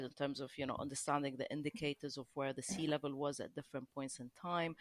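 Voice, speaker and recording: Speaking in a deep but fairly bright voice, a woman from Lebanon talks as an archaeologist guest in a podcast conversation. Her long explanations are full of restarts and "you know", captured in a dry recording.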